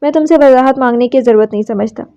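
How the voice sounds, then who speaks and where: Storybook young man, quiet and resigned, read by a woman, mellow tone, lo-fi. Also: high voice. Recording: slightly dull lo-fi recording.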